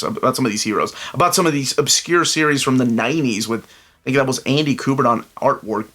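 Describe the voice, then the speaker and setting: This comic book collector channel host, a middle-aged man from Peru, has a medium-pitched voice with a touch of brightness. He delivers a casual solo review vlog in a chatty, excited way, frequently sidetracked by asides stuffed with fillers.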